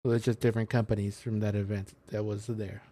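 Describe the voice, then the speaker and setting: A man streams a game, rambling casually, thinking out loud, hunting for words and reading things aloud as a video game streamer and host. His voice is fairly low and dark, delivered flatly at a quick pace.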